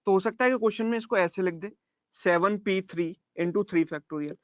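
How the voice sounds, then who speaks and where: A high-voiced male math teacher explains step by step in an online class, repeating key points and checking in with his students. The sound is dry and a little muffled, with no room echo. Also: moderate pace.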